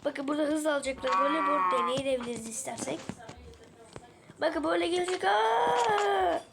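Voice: high-pitched, animated, fast, gravelly. A speaker giving casual, chatty gameplay commentary to viewers, full of short interjections and exclamations. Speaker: video creator addressing viewers. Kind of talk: casual gameplay commentary while building in a video game. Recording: very noisy home recording with clicks.

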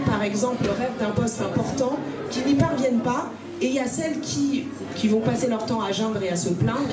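A woman from Congo in her thirties speaks on a panel at a live event about her book, earnestly and steadily, often pausing with hesitations, into a handheld mic. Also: fairly high pitch. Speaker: author on a panel. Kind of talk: panel talk. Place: small room at a live event. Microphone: handheld microphone. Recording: roomy, from far off.

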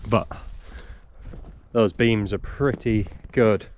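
A man's voice: on the low side, fairly even intonation, slow pace, highs cut off, background noise. A man in his thirties filming himself with a handheld camera while stripping out a half-demolished wooden barn, chatting wryly to himself as he works. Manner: chatty, wry, talks to himself while working. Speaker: homesteader vlogger. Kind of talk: casual self-filmed commentary. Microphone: handheld action camera.

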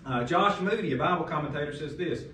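A man's voice: a little high, animated, fast talker, pushed and bright, echoey room, slight background noise. A middle-aged man pastor preaching a sermon at a lectern, asking emphatic rhetorical questions, recorded by a far camera in a large carpeted church room.

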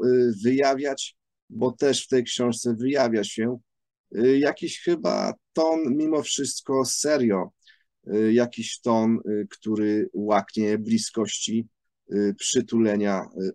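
A man talking through a book review in a thoughtful, halting way, pausing often with drawn-out hesitation sounds. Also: medium pitch, warm tone, dry recording.

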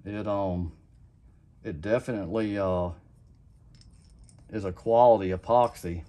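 Working at his home bench, a middle-aged lure maker explains a how-to casually in a fairly low, slightly slow voice. He's relaxed and plain-spoken, drifting off topic, repeating himself, and saying "like I said" again and again.

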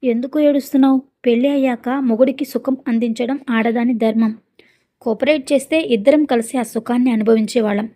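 A blunt, dismissive young husband, as a woman reads him in a spoken story. The voice stays soft and mellow, pitched a little high, with little change from the narrator's own. Each line comes out cold and matter-of-fact. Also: fairly even intonation, brisk, natural voice. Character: forceful entitled young husband, male. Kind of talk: storytelling with quoted dialogue.

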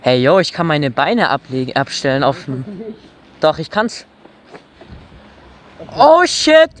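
A man's voice: fairly high pitch, wildly swooping pitch, takes it slowly. A young man vlogging from a bike with his microphone tucked inside his helmet, rowdy and whooping as he rides. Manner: rowdy, whooping and yelling while riding. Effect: voice from a mic inside a helmet. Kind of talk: casual vlog chat. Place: outdoors on a moving bike in the city. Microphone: microphone inside his helmet lining.

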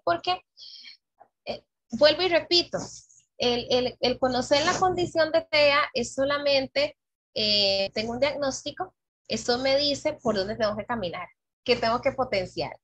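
A woman with a high, husky voice leads a training session for teachers over a video call. She speaks to them as colleagues and repeats her main points to drive them home. The sound is dry and close, with no room around it. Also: a bit bright, no room sound. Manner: repeats key points for emphasis; addresses listeners as colleagues. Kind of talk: online teacher-training talk.

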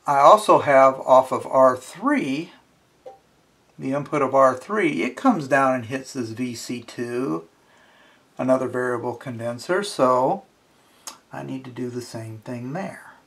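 At a wooden workbench indoors, a middle-aged instructor gives a casual hands-on tutorial, informally thinking aloud as he talks himself through each step. His medium-pitched voice is unhurried and fairly bright.

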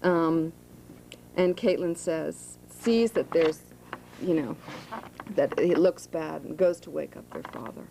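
Author reading aloud: woman, dark gravelly voice, unhurried, school room. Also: low voice, a little hiss or hum, poor audio. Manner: plain, unhurried reading with asides. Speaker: author reading her novel. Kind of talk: reading a novel aloud to students.

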